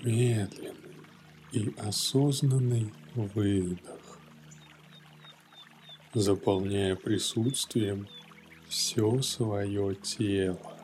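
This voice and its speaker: A man narrating a guided morning meditation in a gentle, soothing yoga-teacher manner, leaving long pauses between phrases. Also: lowish voice. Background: soft music.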